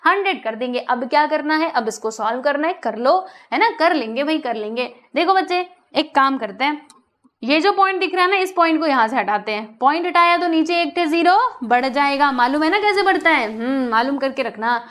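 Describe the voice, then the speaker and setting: A young woman with a high voice walks students through a math lesson. She talks in a chatty, coaxing way and keeps asking questions. She switches easily between explaining and English math terms. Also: lively intonation, fairly quick, fairly bright tone. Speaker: math teacher.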